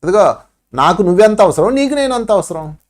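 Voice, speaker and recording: A man's voice: high voice, lively intonation, fairly quick. A man with a Telugu accent giving a spiritual talk, acting out pleading voices to make his points. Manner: preachy, acts out pleading voices. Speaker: spiritual teacher.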